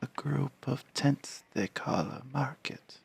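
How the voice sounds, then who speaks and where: A man voicing an old male giant scribe, speaking slowly in a soft, half-whispered way. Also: mid-range voice, creaky, husky, pitched above the performer's own voice, full character voice. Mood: hushed, measured.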